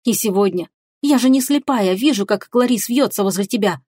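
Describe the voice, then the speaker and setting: A woman's voice: mid-range voice, fairly quick, a little mellow, breathy edge, dry recording, studio quality, close to an everyday voice. A woman voicing a fiery, jealous young woman who speaks sharply and indignantly. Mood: anguished.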